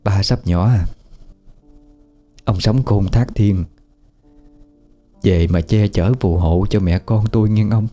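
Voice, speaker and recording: A man voicing a stern, steady old grandmother who speaks firmly and plainly in a ghost story. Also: on the low side, slow pace, long pauses, soft background music. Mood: praying.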